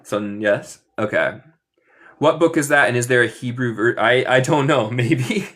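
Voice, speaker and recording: An English teacher from Michigan, a native English speaker with an American accent, leads a casual livestream lesson in halting learner's Spanish. His mid-range voice has a fairly bright tone, and he leans on fillers and slips into English.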